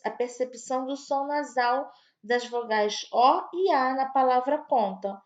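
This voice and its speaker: Patient woman teacher for small kids, a little high-pitched, dull lo-fi recording. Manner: slow, patient, spells out words for young pupils. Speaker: primary school teacher. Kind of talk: online grammar lesson for children.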